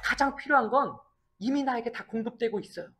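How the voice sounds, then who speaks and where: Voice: mid-range voice, quick pace, a bit bright. A pastor giving a Sunday sermon, emphatic in the preaching but chatty when telling stories. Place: church service in a rented space.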